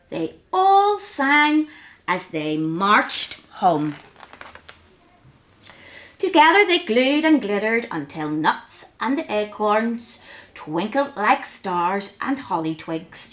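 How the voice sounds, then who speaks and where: A woman reads a storybook to young children. Her narration is slow and sing-song, in a fairly high voice that rises and falls widely. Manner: sing-song, deliberate phrasing.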